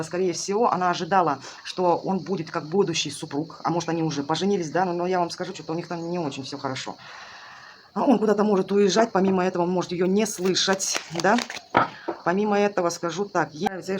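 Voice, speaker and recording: A tarot reader giving a casual reading, speaking colloquially as they ask the cards questions aloud and answer them. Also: medium pitch. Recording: noisy recording with clicks.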